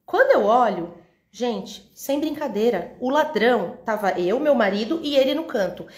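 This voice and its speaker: Brazilian woman teaching bible stuff, acts out the voices, kinda high voice, echoey room. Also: moderate pace. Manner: lively storyteller who acts out the dialogue; talks straight to a women's audience. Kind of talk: Bible teaching with personal story.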